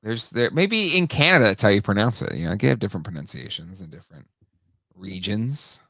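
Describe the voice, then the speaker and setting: A man hosting a casual talk show, with a lowish, bright and forceful voice. He rambles along with plenty of ums and restarts, and he is recorded on a close, dry mic. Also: very animated, brisk, dry recording. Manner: rambling, many fillers and restarts. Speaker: podcast host. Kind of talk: casual chat.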